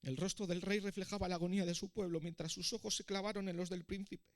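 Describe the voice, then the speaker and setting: A man's voice: sits high, fast. A man, a preacher narrating a parable dramatically in a sermon. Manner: dramatic, expressive storytelling.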